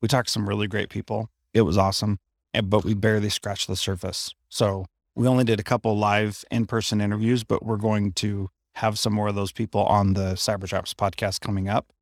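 A man's voice: fairly low pitch, flat delivery, brisk, no room sound, clean studio sound. A man co-hosting a podcast, chatting casually in an introduction recorded in a hallway. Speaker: podcast co-host. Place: hallway at a conference.

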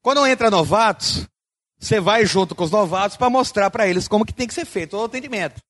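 A man's voice: high voice, quick pace. A man with a Brazilian Portuguese accent, a hospital clown telling stories in a seminar talk and acting out the dialogue. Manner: animated, acts out dialogue, laughs often. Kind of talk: storytelling talk.

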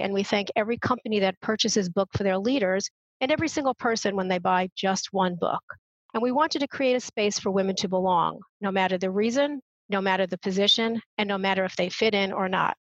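A woman's voice: medium pitch, quick pace, no room sound, highs cut off. A woman hosting a radio interview show in an upbeat way, reading her introductions with care.

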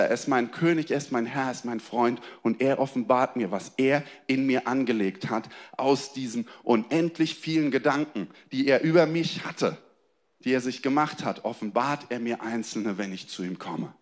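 A young man preaching a sermon to a congregation, shifting between soft, low emphasis and raised, excited lines, asking for amens and applause. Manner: addresses the congregation directly, calls for amen and applause. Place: church hall before a congregation.

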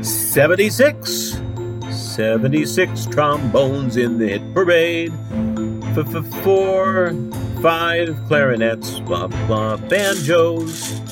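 An actor playing a cranky, eccentric late-night radio host calling bingo numbers in a rambling, deadpan patter. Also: male voice, a little high, extremely slow, over music.

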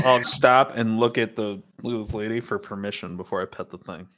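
A man's voice: on the low side, fairly quick, fairly bright tone, slight background noise. A man player in a tabletop game who talks in dry, joking asides. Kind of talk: casual tabletop game chat.

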